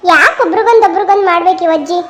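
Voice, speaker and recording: A woman's voice: very high-pitched, fast talker, fairly bright tone. A woman voicing a stern village mother in a cartoon, lecturing her sons. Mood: scolding. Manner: scolding, lecturing.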